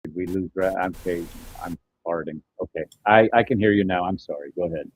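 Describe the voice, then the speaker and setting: A man's voice: low-pitched, a little fast, slightly rough. Man hosting a group voice chat. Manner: checking connections, asking if others can hear. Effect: heard over a group voice chat. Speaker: host running an online group call. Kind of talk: casual chat.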